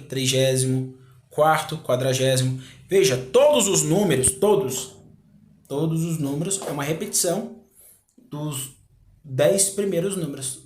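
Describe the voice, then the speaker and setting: A man teaching a grammar lesson, explaining slowly, repeating words and asking rhetorical questions. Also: mid-range voice, a little mellow. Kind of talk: grammar lecture. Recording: echoey room.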